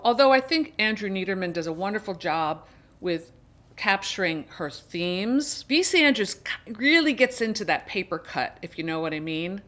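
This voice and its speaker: Talking to her viewers as a book vlogger, this middle-aged woman rambles casually and punctuates her chat with emphatic phrasing. Her voice sits on the low side with a fairly bright tone.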